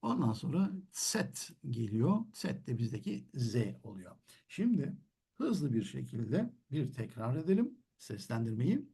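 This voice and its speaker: Husky, lively man teaching. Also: mid-range voice, measured pace. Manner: explains patiently, asks and answers his own questions. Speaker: German teacher. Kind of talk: classroom-style language lesson.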